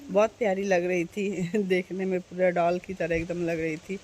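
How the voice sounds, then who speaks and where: A woman in her thirties talks chattily straight to her viewers, her pitch staying level and even. She sits outdoors in the shade by her door, filmed on a phone camera. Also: moderate pace, a little hiss or hum. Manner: chatty, addresses viewers directly. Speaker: vlogger. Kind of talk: casual chat to camera.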